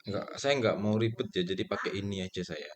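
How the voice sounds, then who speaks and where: A man, speaking in a lowish register, teaches programming in a loose, chatty way. He puts questions to the class and answers them himself, with plenty of fillers along the way. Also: fairly quick, a little hiss or hum. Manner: relaxed and conversational, with frequent fillers and self-corrections. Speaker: programming lecturer. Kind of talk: casual spoken lecture.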